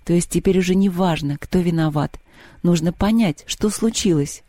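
A man puts on a calm, commanding schoolgirl from a storybook. She speaks quietly and insistently over a mellow, dry recording. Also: high voice, normal speed, no room sound.

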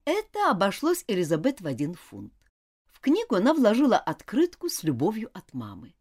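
Woman narrator, storybook reading, hugely lively pitch, medium voice. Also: a little fast, slightly rough. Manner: expressive reading voicing all characters.

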